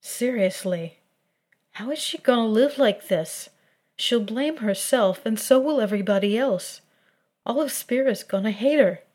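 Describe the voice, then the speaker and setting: A woman voicing a brash, warm-hearted young man who talks in loud, eager bursts. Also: a little high, animated, measured pace.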